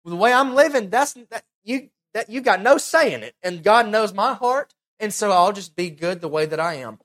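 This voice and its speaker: Brief: man doing a high, indignant, self-righteous scoffer. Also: expressive, moderate pace, a bit bright. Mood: mocking indignant. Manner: mocking, indignant. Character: smug self-righteous man defending himself.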